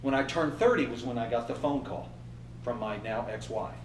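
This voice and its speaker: A man in his fifties giving an animated motivational workshop talk and acting out inner voices. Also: mid-range voice, normal speed, reverberant, recorded from a distance, slight background noise, low-quality recording. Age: 50s. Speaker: trainer.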